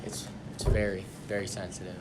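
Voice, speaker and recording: A man's voice: low-pitched, level tone, fairly quick, background noise. A young man being interviewed, laid-back and giggly, talking in surfer-stoner slang.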